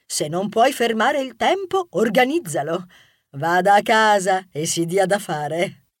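A man voicing a concerned, motherly female mouse colleague in an audiobook, speaking gently and giving advice. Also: sits high, lively intonation, a little slow, no room sound, studio quality. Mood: advising. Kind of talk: audiobook character voice.

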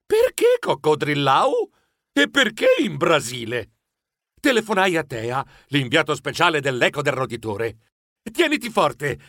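A man narrating a children's audiobook in the first person as a fussy mouse editor, expressive and storytelling. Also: a little high, no room sound, clean studio sound.

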